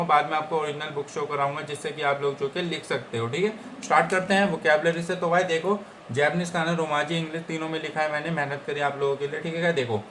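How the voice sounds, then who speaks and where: A man's voice: a little high, fairly bright tone. Young male tutor from India, casual and repetitive, keeps asking "okay guys", light background noise. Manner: repeats words and keeps checking understanding with "okay guys?". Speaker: Japanese language teacher.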